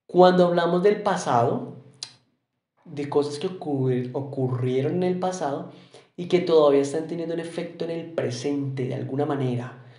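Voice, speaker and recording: A man's voice: fairly high pitch, normal speed, mellow, echoey room. A man with a Colombian Spanish accent teaching English in an online lesson, explaining patiently and often checking with questions.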